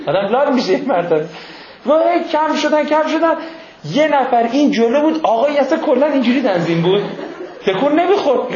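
A man giving an informal, conversational sermon, telling everyday stories with animated asides. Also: sits high. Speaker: preacher. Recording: roomy, dull lo-fi audio with faint ambience.

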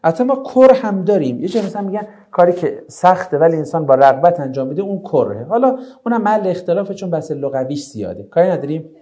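A man's voice: on the high side, few pauses. A male teacher explaining a lesson to his class, often asking rhetorical questions. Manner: animated, explanatory.

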